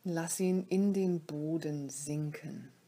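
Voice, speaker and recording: Soft, breathy and often close to a whisper, a woman's deep voice guides listeners through a yoga nidra meditation. She remains calm and soothing, speaking in short phrases with pauses.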